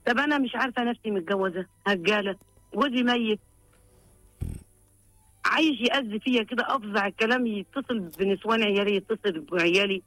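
Here an older woman with an Upper Egyptian accent phones for advice and relates her hardship, her words pleading, emotional and repetitive. She talks a little fast in a mid-range, somewhat bright voice, captured dry and low in quality, with faint background music.

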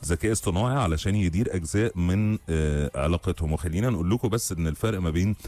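A man's voice: deep voice, racing, dark tone. A man with an Egyptian Arabic accent co-hosting a show in a casual, joking, bantering way. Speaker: radio show co-host. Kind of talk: casual chat.

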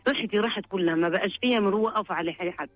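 A woman's voice: mid-range voice, racing, no echo, soft background music. An older woman with an Upper Egyptian accent, calling in for advice and recounting her hardship in a pleading, emotional, repetitive way. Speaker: caller seeking advice. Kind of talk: personal account of hardship.

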